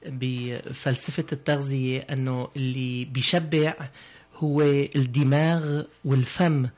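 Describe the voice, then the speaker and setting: A man's voice: medium pitch, fairly even intonation, a little slow, darkish tone. A man with a Levantine Arabic accent offering casual spoken commentary on a talk show. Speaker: studio commentator.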